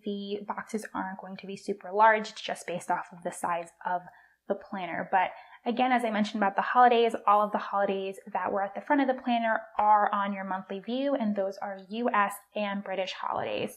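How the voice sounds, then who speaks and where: A woman giving a casual product review walkthrough, upbeat and chatty, with a mid-pitched voice. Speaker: planner reviewer.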